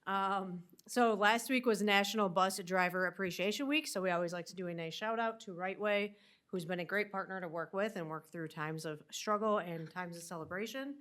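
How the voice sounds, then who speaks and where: At a school board meeting, a woman gives an upbeat superintendent's update, her voice nasal from a winter cold. She speaks at medium pitch and normal speed with a slightly bright tone, using lots of fillers.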